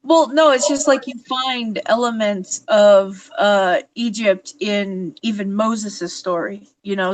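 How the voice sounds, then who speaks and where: A woman's voice: mid-range voice, poor audio. A woman hosting a casual conversation, agreeable and eager to add her own view. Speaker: podcast host.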